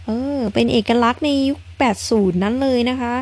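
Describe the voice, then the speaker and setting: Woman, casual game narration, chatty, polite, slightly high voice, husky. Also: brisk. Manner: chatty, polite, thinks aloud with fillers. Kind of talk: casual let's-play narration.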